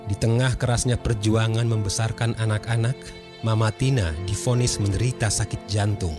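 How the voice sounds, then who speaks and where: Low-voiced male news narrator over music. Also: fairly even intonation, normal speed. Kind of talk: scripted narration. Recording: music behind the voice.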